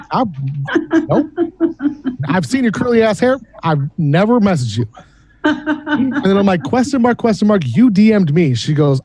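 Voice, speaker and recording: A man's voice: high-pitched, a little mellow. A man animatedly telling a story in casual chat, swearing and acting out quotes over a video call. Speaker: host.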